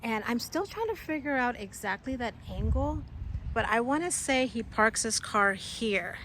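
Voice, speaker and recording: A woman's voice: a little high, animated, moderate pace, a bit bright, a little hiss or hum. A woman vlogger giving a casual walking tour of film locations outdoors, talking tentatively and thinking aloud as she points things out. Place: outdoors on a residential street.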